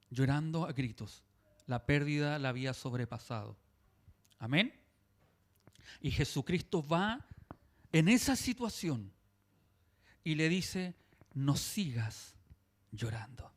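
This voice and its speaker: A Chilean man preaching a sermon as pastor, fervent and punctuated with amens, dropping soft and low when he quotes gentle words.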